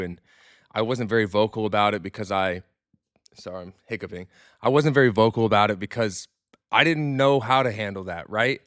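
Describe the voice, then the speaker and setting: A man with a lowish, smooth, resonant voice talks through a podcast in a loose, candid way. He swears casually and doubles back on his words as he thinks. The sound is dry and close to the mic. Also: fairly bright tone, dry recording. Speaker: podcast host, former pro baseball player.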